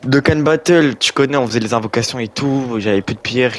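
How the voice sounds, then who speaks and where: A man's voice: medium pitch, brisk. A man calling in to a stream, telling a story in slangy, insistent way. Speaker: caller. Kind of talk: casual confession story.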